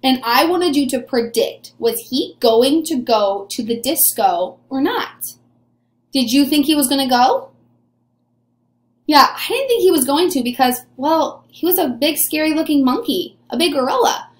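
Unhurried and high-pitched, with lively intonation, this woman's voice rings in an echoey small room. She's in her twenties, an early elementary teacher running an animated read-aloud lesson, encouraging young children by asking questions and answering them as if they'd replied. The mic is a webcam or camera at desk distance.

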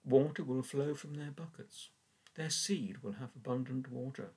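An older English man reads scripture and leads prayers at a measured, earnest pace. His voice is slightly husky. He speaks into a webcam in a small room. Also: mid-range voice, a little mellow, poor audio. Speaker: church warden leading prayers. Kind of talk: reading and devotional reflection. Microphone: webcam at desk.

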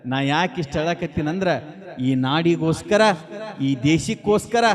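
Man doing old grieving mother, low, soft, lamenting, folk tale. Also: lively intonation, a little slow, long reverb tail. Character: grieving village mother, old, proud, sorrowful.

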